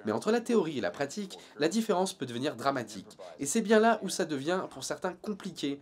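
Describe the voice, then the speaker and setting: A man with a rather high voice talks through a casual video review of TV series. His pitch swings widely, and his sarcastic jokes sit beside earnest critique. The delivery stays animated throughout. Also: fast talker.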